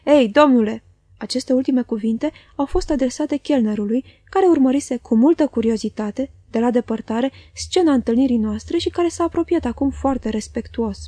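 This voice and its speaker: Mellow-voiced woman reading a novel. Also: sits high, dry recording. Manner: measured, even-paced storytelling. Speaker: audiobook reader. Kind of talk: scripted literary narration.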